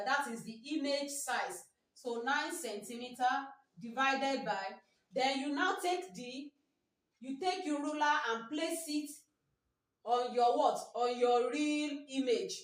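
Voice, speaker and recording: This biology exam-prep lesson is led by a Nigerian-accented woman whose high voice sounds distant in an echoey room. She repeats herself a lot and tends to ask "what?" and then supply the answer herself.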